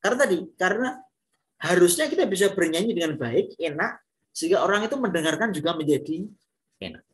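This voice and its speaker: A male music lecturer gives a classroom lecture on singing, walking his students through it step by step and posing rhetorical questions. His voice is high, animated, and brisk.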